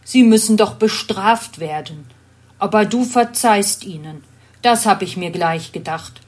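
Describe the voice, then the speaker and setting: A woman voicing a reluctant, stubborn male prophet in a children's storybook reading, in a slow, earnest read-aloud manner. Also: medium pitch. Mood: indignant.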